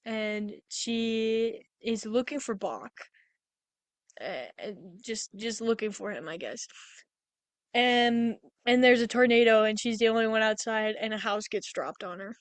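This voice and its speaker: A young woman co-hosting a podcast, chatting casually and rambling through a movie plot, acting out characters in quick quotes. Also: on the high side, clear, resonant tone, no echo. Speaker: podcast co-host. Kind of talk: casual movie review chat.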